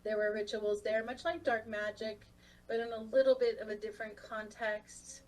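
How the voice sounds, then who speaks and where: A woman leading a guided spiritual channeling session, speaking in short, solemn, halting phrases. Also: on the high side, fairly even intonation. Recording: distant microphone, constant background noise.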